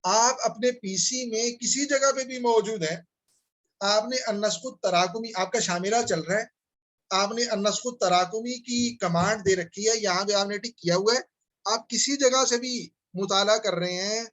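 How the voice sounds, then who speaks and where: A man with a notably high voice leads a software tutorial, narrating over his screen recording. He moves patiently through each click and keeps checking that his students are following along. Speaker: instructor.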